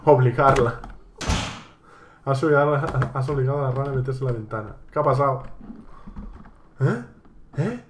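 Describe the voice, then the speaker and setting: A man's voice: mid-range voice, fairly quick, pauses often, noisy background. Echoey cursing Spanish man playing a game. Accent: Spain Spanish. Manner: reads game text aloud, curses at the game. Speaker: let's play gamer. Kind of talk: gameplay commentary. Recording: echoey room with game music.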